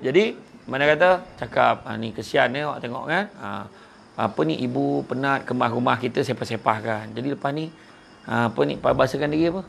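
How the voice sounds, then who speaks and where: A man's voice: mid-range voice, a little fast, vocal fry, fairly bright tone, slight background noise. A man with a Malaysian Malay accent giving a humorous religious talk to a family gathering, teasing the people around him as he speaks. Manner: joking and teasing the audience.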